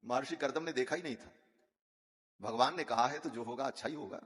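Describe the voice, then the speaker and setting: A man's voice: mid-range voice, fairly quick, fairly bright tone. A man telling a devotional story as a sermon, chanting Sanskrit verses and calling his listeners Maharaj. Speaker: katha preacher. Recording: long hall reverb.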